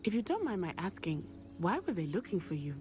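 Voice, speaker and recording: A woman voicing an earnest, polite young female student in video game dialogue, measured and determined. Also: lowish voice, big pitch swings, music in the background.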